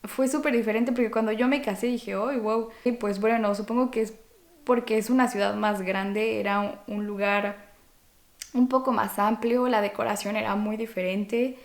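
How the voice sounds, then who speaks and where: A young Mexican woman with a Mexican accent, native in Spanish, gives viewers an informal vlog chat. Her pitch is fairly high and her intonation fairly even, at a normal speed.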